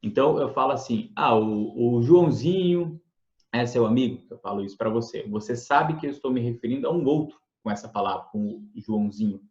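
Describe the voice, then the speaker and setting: A man's voice: mid-range voice, fairly quick, hardly any pauses, echoey room, muffled recording. A man teaching a grammar lesson in a conversational way, with many fillers and restarts, often checking whether the listener has understood. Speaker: English teacher. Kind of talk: explanatory lesson.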